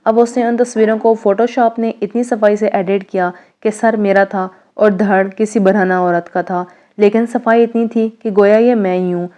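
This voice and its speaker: Brief: woman storyteller, earnest and cautionary, mellow warm voice. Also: medium pitch, little pitch movement, few pauses. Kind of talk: first-person story narration.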